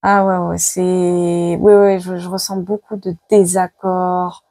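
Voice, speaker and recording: This psychic's voice is fairly low, warm, slow, and level in tone, recorded with no room sound. Doing a live tarot video, she delivers dramatic card-reading predictions, repeating words, exclaiming often, and sounding drained by the heat.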